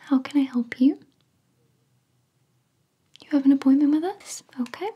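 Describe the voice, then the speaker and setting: A woman whispering as a spa therapist in an ASMR roleplay, soft, soothing and attentive as she walks a client through a treatment. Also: high-pitched, measured pace, muffled recording.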